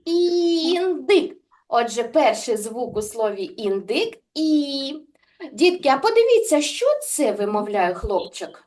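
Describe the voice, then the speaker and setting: A speech development teacher with a high, sing-song, slightly mellow voice gives an online lesson to young children over a video call. She articulates sounds slowly and with exaggeration, encouraging the pupils and praising them by pet names.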